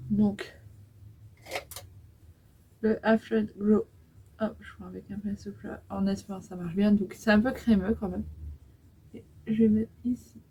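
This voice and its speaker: A woman's voice: mid-range voice, mellow, breathy edge, rough recording. A woman in her twenties talking through a makeup tutorial in a casual, hesitant way, with many fillers as she applies eyeshadow. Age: 20s. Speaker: beauty vlogger.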